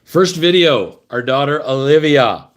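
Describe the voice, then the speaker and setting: A man's voice: fairly high pitch, expressive, unhurried. A man from Canada hosting a casual livestream, chatting in a rambling way while fumbling with his camera gear. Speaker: host.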